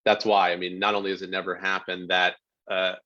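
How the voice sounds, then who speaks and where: Over a video call with dull lo-fi audio, a male author in his thirties, appearing as a guest, talks earnestly about his book and reads a passage aloud in a casual way. He says "you know" frequently. His deep voice is monotone, bright and forceful, and he speaks fairly quickly.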